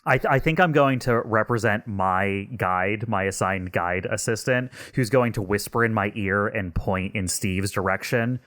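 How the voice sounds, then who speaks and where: A man chatting casually as a player at a tabletop game, explaining things in a relaxed way. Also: on the low side, moderate pace, hardly any pauses.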